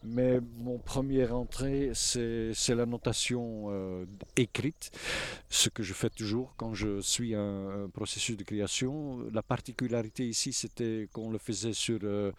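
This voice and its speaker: A Flemish-speaking man gives reflective interview answers as a theatre observer, speaking slowly and haltingly, searching for words and frequently restarting. His voice is fairly low, steady, clear and resonant, with no echo.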